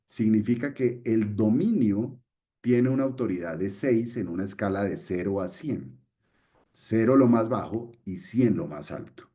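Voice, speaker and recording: A man's voice: fairly low pitch, warm tone. A middle-aged man presenting a webinar, explaining step by step and repeating his key points. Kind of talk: screen-share webinar explanation.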